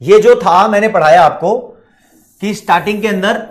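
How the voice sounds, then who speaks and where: A man's voice: high voice, normal speed. A man with an Indian accent teaching an online exam-prep lecture, chatty and repetitive, talking straight to his students. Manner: chatty, repetitive, mixes English terms into Hindi; addresses students directly, reads their questions.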